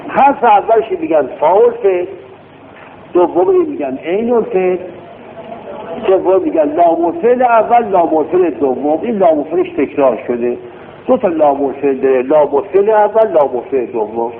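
A religious studies teacher gives a classroom grammar lesson, drilling words and quizzing his class in a high, very animated voice with vocal fry. The recording is tinny, phone-like and lo-fi, with slight background noise.

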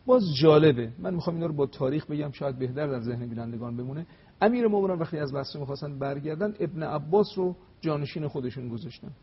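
A man, a religious scholar on a talk show, telling religious history in an emphatic, storytelling way, slowing to recite Arabic phrases. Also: on the high side, animated, breathy edge, lo-fi sound. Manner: emphatic, rising to stressed peaks, slows to recite Arabic.

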